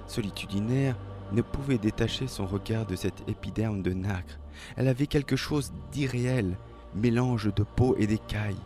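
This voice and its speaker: A man reading a dramatic story aloud in a slow, measured, expressive way. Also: on the low side. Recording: faint music behind.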